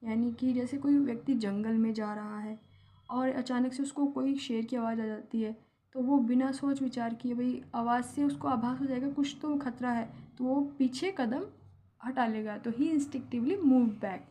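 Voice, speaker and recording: A woman's voice: fairly high pitch, a little slow, mellow. A young Indian woman teaching English vocabulary, explaining each word patiently with examples. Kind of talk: vocabulary lesson in Hindi.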